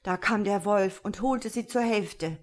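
A woman reading a fairy tale aloud and voicing a shepherd who complains loudly and gets angry fast. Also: mid-range voice, close to an everyday voice. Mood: upset. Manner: loud, aggrieved and quick-tempered. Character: upset grown man, a shepherd.

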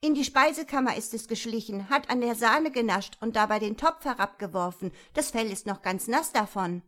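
A woman reading a storybook, voicing an angry, quick-tempered servant woman who scolds loudly. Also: on the high side, animated. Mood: furious scolding. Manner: shouting, scolding.

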